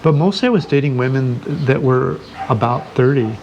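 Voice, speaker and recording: Gravelly American man in his sixties. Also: mid-range voice, moderate pace, muffled recording. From United States. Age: 60s. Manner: relaxed, rambling, hesitant fillers. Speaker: host. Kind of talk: casual chat. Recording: noisy background hiss.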